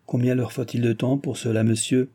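Man doing an old king, ironic and bored, dark husky voice. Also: mid-range voice, level tone, fairly quick, close to an everyday voice. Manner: ironic and offhand.

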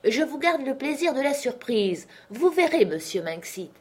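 A woman reading the part of a proud young country doctor who speaks with ironic, spirited defiance, in a slightly husky voice. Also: high voice, big pitch swings, moderate pace, voice pushed up, heavily acted.

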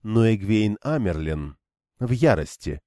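A stern young woman of command speaks coldly and firmly, voiced by a man reading an audiobook. The voice sits low and dark, and every word is clipped. The recording is dry and close. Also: big pitch swings, measured pace, no echo. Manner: cold, clipped and firm.

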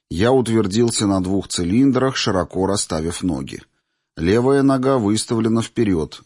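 A man narrating an audiobook in a measured, even storytelling manner. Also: on the low side, breathy edge, no room sound, studio quality.

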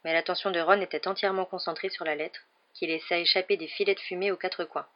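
A woman hosting a night-time radio reading, narrating a novel aloud in a calm, even voice. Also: lowish voice, fast, highs cut off. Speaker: radio reader.

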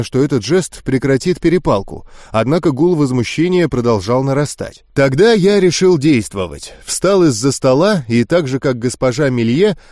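A man calmly narrating a first-person fantasy audiobook with a wry edge. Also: a little high, dry recording, studio quality.

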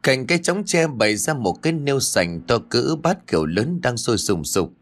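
A man narrating a scripted horror story, telling it in a dramatic and animated way. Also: mid-range voice, moderate pace. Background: faint music.

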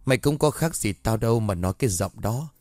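A man's voice: on the low side, animated, fast, a little mellow, no room sound, studio quality, natural voice. A man voicing a badly wounded man who begs for his life and then taunts his killer in a spoken horror story. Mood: taunting. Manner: strained, taunting. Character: wounded dying man, pleading and spiteful.

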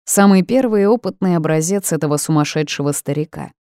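A woman voicing a quiet, mysterious grown man who speaks gently and with resolve in an audiobook. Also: sits low, fairly quick, clean tone, no echo, studio quality, close to an everyday voice. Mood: gentle.

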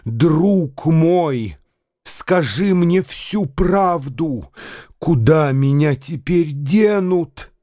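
A man's voice: lively intonation, drawn-out words, mellow, dry recording, studio quality. A man doing a frail, frightened old prince. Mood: frightened pleading. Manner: trembling, pleading, raised pitch. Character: frail elderly prince, tearful, frightened, pleading. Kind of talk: radio drama reading.

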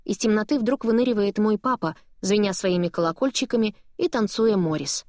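A woman narrating a novel in first person with a lively, dramatic reading. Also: mid-range voice, brisk, no room sound, clean studio sound. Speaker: audiobook narrator.

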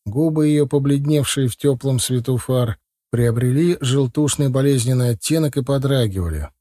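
A man reading a first-person audiobook in a steady, measured way. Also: medium pitch, no echo, studio quality. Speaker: audiobook narrator.

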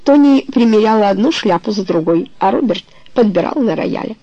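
A woman narrating a novel in an even, measured storytelling voice. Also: medium pitch, dry recording, lo-fi sound. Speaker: audiobook narrator. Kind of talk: novel reading.

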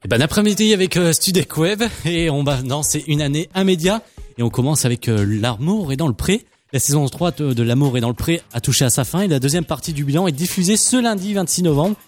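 A man's voice: a little high, lively intonation, fairly quick, a little mellow, soft background music. A man hosting a casual student web radio show, opening segments and linking to the news in a hesitant way. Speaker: radio host.

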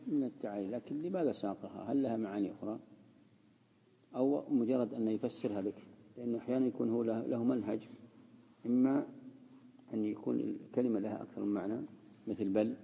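A man's voice: mid-range voice, fairly quick, vocal fry, long pauses, breathy edge, big-room sound, phone-quality sound. A man teaching a classical text as a sheikh, explaining and repeating key words. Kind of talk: lesson explaining Quranic word usage.

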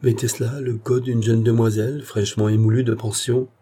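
A man narrating a classic French novella in a measured literary reading. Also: mid-range voice, level tone, mellow.

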